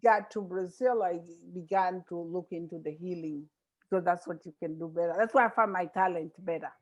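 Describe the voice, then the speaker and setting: Over a relaxed video call, a Tanzanian woman who serves as a missionary sister talks thoughtfully and sincerely about her life. Her voice is lowish and darkish, her pace fairly quick, and the audio is poor.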